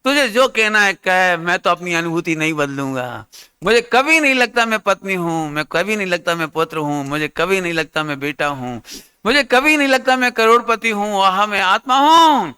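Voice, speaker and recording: A man giving an interactive sermon as a Jain religious teacher, animated, quizzing his listeners and acting out little scenes. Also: high-pitched, moderate pace, smooth.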